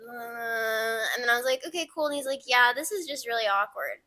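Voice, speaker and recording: A woman's voice: fairly high pitch, moderate pace. A young woman in her twenties co-hosting a podcast, chatting casually and telling stories animatedly, acting out what people said. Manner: animated storytelling, acts out quoted dialogue. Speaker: podcast co-host. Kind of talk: casual chat.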